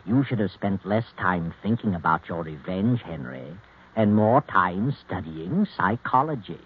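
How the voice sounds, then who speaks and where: A man playing a sinister, mocking storyteller of the night in an old radio mystery, speaking ominously and theatrically with dramatic pauses. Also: deep voice, animated, breathy edge, heavily acted. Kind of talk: 1940s radio mystery narration. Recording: muffled vintage radio recording with music.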